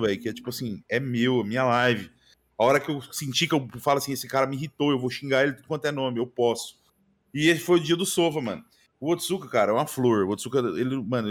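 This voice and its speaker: A man with a Brazilian accent, a streamer guest chatting casually and slangily about his streams. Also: medium pitch. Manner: slangy, animated, repeats mano and velho. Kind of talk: casual podcast chat.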